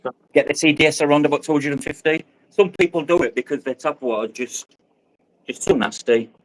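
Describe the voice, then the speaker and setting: A man's voice: fairly high pitch, steady tone, a little fast, low-quality recording. A man chatting eagerly about shrimp keeping on a live stream, talking through a new phone on a video call and often restarting his sentences. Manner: enthusiastic, stumbling restarts. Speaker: co-host, shrimp keeper. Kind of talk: casual live-stream chat.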